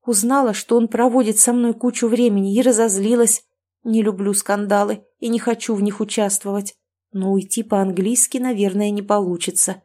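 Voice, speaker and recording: A woman narrating an audiobook in the first person, with an even, dry reading manner. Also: mid-range voice, moderate pace.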